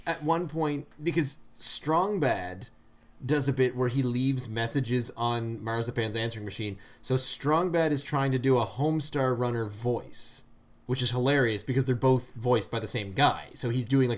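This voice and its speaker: A man's voice: medium pitch, normal speed. A man co-hosting a podcast, telling a long story in casual chat with many restarts and laughs. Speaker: podcast co-host.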